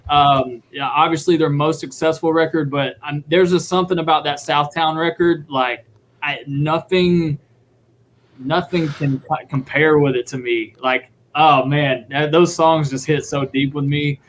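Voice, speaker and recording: A man, a guest drummer, telling a story in a casual, excited, rambling way. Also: on the high side, measured pace, slight background noise. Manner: excited, rambling, acts out quotes.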